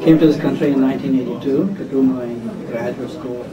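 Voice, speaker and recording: A man from India introducing himself on a panel in a relaxed way, with many fillers and self-deprecating asides. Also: medium pitch, brisk, muffled recording, a crowd in the background. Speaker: panelist entrepreneur. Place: conference hall before an audience. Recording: roomy hall mic from far off with audience.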